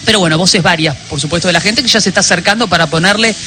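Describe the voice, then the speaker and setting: A man's voice: sits high, very fast, pushed and bright, faint music behind. A man with an Argentine accent hosting a live sports radio show, linking segments in chatty talk full of fillers. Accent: Argentine Spanish. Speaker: studio radio host.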